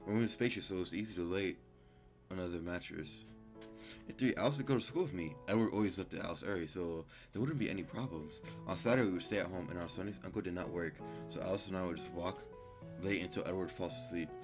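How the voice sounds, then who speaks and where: A young man with a low-pitched voice hosts a gaming video, talking fast over background music. He reads game text aloud casually, stumbling over words, and comments in slangy, informal speech.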